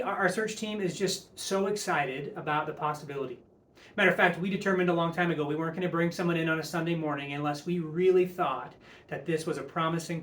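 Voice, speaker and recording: A man's voice: high-pitched, a bit bright. A man giving an earnest, upbeat update speech to a church congregation as one of its leaders. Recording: echoey room.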